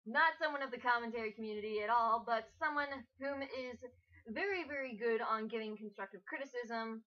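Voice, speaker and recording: A woman hosts a dramatic reading commentary in a casual, mocking way, joking, sounding exasperated, and swearing often. Her voice is a little high and fairly quick, captured on a dull lo-fi home recording.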